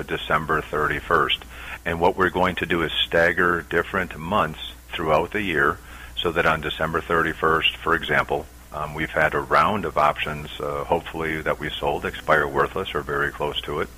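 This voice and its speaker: A middle-aged man, a commodity options trader, explaining his strategy as a guest on a radio interview, steady with frequent "uh" pauses. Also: a bass voice, breathy edge, low-quality recording.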